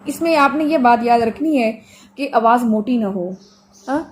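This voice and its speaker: Patient woman tajweed teacher, higher voice. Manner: patient, explains with homely examples, drills sounds slowly; stretches model sounds slowly for students to copy. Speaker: Quran recitation teacher. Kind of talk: online tajweed lesson.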